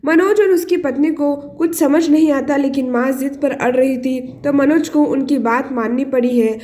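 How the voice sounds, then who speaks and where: A woman telling a family story in earnest, steady scripted narration. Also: high-pitched, normal speed.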